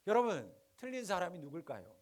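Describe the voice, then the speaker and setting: A middle-aged male pastor from the Gyeongsang region, preaching with rhetorical questions and sharp swings between loud and hushed lines. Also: high-pitched, huge pitch swings, fairly quick. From Gyeongsang region, Korea. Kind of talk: sermon.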